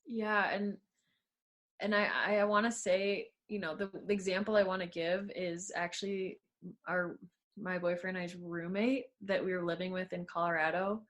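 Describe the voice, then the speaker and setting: A fitness coach and former pro skier in her twenties chats casually as a podcast guest in an interview. Her voice is fairly low, steady and fairly bright at a moderate pace, and she uses lots of "like" fillers.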